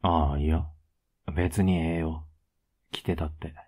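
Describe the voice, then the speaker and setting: Man acting a very deep, husky teasing boyfriend, ASMR role-play. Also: fairly even intonation, takes it slowly, exaggerated voice. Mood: tired, casual. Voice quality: low, husky, soft. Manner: laid-back, gently teasing, intimate. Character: teasing, affectionate young boyfriend home from a trip.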